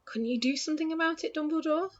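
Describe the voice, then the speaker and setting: A woman voicing a stern, anxious older witch professor who scolds briskly in hushed tones, in a dull lo-fi recording. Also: high voice, voice pushed up, close to an everyday voice. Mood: scolding.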